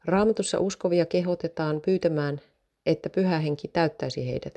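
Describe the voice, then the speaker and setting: A woman's voice: low-pitched, dark tone. Woman voicing an earnest young boy. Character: earnest young boy, eager new believer.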